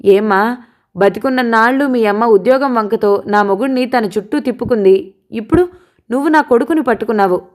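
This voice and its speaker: A woman voicing a scornful older mother who shouts, taunts and wails at her son's lover, in an audiobook. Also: medium pitch, normal speed, close to an everyday voice. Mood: furious shouting. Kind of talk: audiobook character voice.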